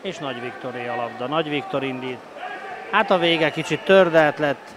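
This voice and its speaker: An excited male sports commentator with a fairly high voice calls the play live. He is openly partisan, urging his side on with heated energy, over clear venue noise. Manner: excited, breaking into shouted goal calls; openly partisan, cheering on the home team. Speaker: sports commentator of a water polo match.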